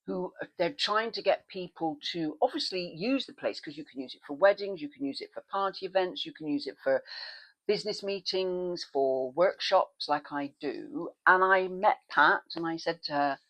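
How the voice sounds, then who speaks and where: Woman, chatty vlogger, rambling asides, lively pitch swings. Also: moderate pace, poor audio. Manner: animated, with sudden pitch leaps when excited. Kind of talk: casual chat.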